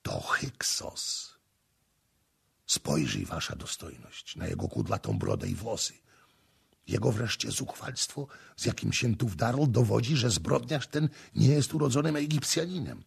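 Give me a scheming old court official whispering low, as a man acts him out, husky and rough. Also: huge pitch swings, normal speed, few pauses, heavily acted. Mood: sly whisper. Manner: hushed, hissing undertone.

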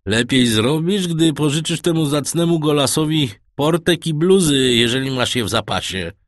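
In an audiobook, a man voices a brusque, doubting middle-aged ship's master, pitching his natural voice a little higher than his own. He speaks at a moderate pace with lively intonation, in a dry, studio-quality recording.

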